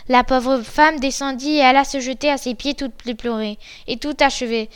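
Woman storyteller, high voice, measured soft reading, fairy tale. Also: fairly even intonation, slight background noise.

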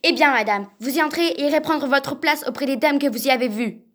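A merciless fairy-tale husband who gives cold, threatening orders, as read by a woman. The voice is fairly high and light, with no growl to it. It is a calm storybook reading of the role. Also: a little fast. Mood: accusing. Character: cruel stern nobleman Bluebeard, male, middle-aged.

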